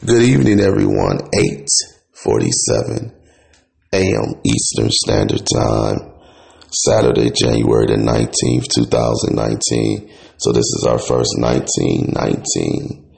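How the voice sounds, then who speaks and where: A man's voice: very deep voice, expressive, a little slow, creaky, darkish tone. A man hosting a casual morning show, rambling with many fillers, his voice audio crunchy and bitcrushed. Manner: rambling, filler-heavy, many uh's and restarts. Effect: crunchy, bitcrushed-sounding voice audio. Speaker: show host.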